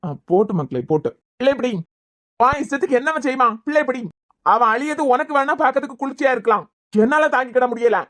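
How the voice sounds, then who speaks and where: A woman voicing a hot-tempered young husband and father in a cartoon serial, scolding loudly with a Kanyakumari Tamil accent. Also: sits high, fast. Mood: angry. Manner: scolding, raising his voice.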